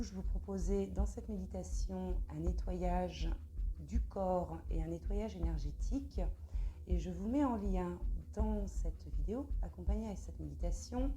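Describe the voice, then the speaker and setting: A woman guiding a meditation, speaking softly and close to the ear. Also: mid-range voice. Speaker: meditation guide. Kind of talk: spoken introduction to a guided meditation.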